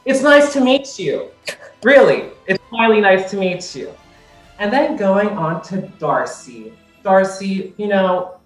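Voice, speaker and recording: Campy, profane man roasting over a video call, roomy sound. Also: high-pitched. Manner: sassy, profane, campy delivery. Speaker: roast contestant. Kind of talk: crude comedic roast. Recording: roomy echo.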